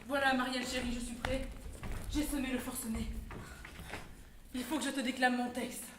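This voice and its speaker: A man's voice: very high-pitched, flat delivery, normal speed. An actor playing a lovestruck amateur poet, declaiming his verse theatrically like a hammy stage actor in a comedy. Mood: earnest, eager. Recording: echoey stage, faint noise.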